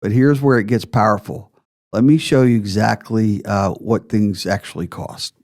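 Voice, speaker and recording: A man's voice: fairly low pitch, steady tone, moderate pace, a little mellow. A man hosting a retirement planning podcast, explaining figures step by step with emphasis.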